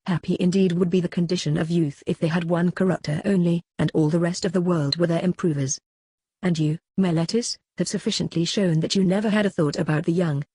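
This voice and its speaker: A reader voicing an aged philosopher on trial, cross-examining his accuser in a measured, questioning way in a dramatic reading. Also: mid-range voice, darkish tone, breathy edge, no room sound, lightly acted. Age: older. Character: aged male philosopher on trial, probing, ironic. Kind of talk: dramatic reading of a classical dialogue.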